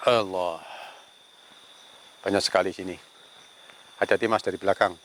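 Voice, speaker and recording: A man's voice: deep voice, steady tone, moderate pace, a bit bright, a little hiss or hum. A man narrating a ghost-hunting vlog outdoors among banana trees, murmuring prayers and challenging unseen spirits. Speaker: paranormal investigator.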